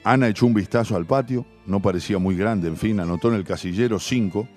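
A man with a Rioplatense accent narrating a short story in a measured, expressive way. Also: on the low side, faint music behind. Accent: Rioplatense Spanish. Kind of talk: audiobook story reading.

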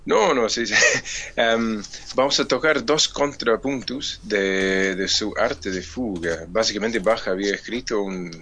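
A man, a musician guest on a radio interview, explaining things in a measured, thoughtful way. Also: lowish voice, sharp tone.

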